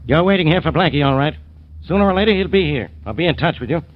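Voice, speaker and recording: An actor in an old radio drama playing a suspicious, smug police inspector who needles people. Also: male voice, fairly high pitch, lively intonation, fast talker. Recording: dull, noisy old radio recording.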